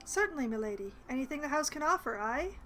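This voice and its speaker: A plain-spoken village innkeeper from a fantasy game, read by a woman. The voice is high and folksy, with old-fashioned respectful phrasing. There is faint noise in the recording. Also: animated, quick pace, a bit bright. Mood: deferential, folksy. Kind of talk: reading video game dialogue aloud.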